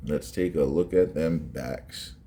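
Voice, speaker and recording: A man's voice: a bass voice, slow, warm tone, a little hiss or hum. A man giving casual, conversational reaction commentary on sports footage, often repeating phrases for emphasis.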